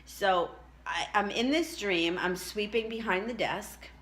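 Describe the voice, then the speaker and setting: A middle-aged woman chatting casually and reflectively as she tells a personal story, with halting asides. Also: medium pitch, a bit bright. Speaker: vlogger telling a personal story.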